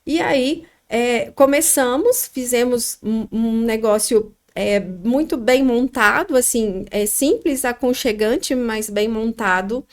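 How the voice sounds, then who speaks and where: A middle-aged woman with a Minas Gerais accent, telling her story as a podcast guest, reflective and pausing often with fillers. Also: fairly high pitch. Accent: Minas Gerais Brazilian Portuguese. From Minas Gerais, Brazil. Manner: reflective, pauses with frequent fillers. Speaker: guest, restaurant founder.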